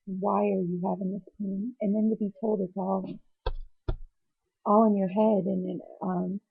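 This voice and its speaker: A woman's voice: mid-range voice, flat delivery, measured pace, vocal fry, breathy edge, narrow, tinny audio. A woman speaking hesitantly in a personal video diary, teary and emotional as if after crying, searching for her words. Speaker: patient vlogger.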